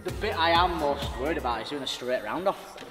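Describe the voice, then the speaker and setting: A man's voice: fairly high pitch, lively intonation, brisk. A young man gymnast hosting a casual training vlog, upbeat and plain as he explains his moves. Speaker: gymnast and channel host. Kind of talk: casual chat while training. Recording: echoey hall with music behind.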